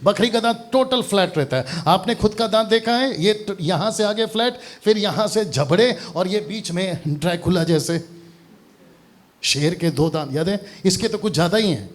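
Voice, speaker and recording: Animated preacher man, teasing the crowd. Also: sits high, normal speed. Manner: mixes English words into Hindi. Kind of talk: lively Hindi sermon at a seminar. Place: church seminar hall.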